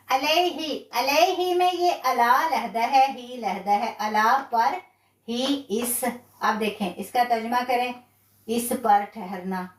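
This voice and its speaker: A woman's voice: fairly high pitch, reverberant, distant mic. A woman teaching a live online Quran recitation lesson, patiently explaining rules step by step and drilling letters one by one. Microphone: live stream.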